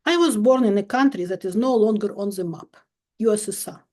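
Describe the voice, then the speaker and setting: A Ukrainian chemistry professor in her fifties gives a recorded lecture that is measured and emphatic, laced with dry irony. Her voice is mid-range and mellow.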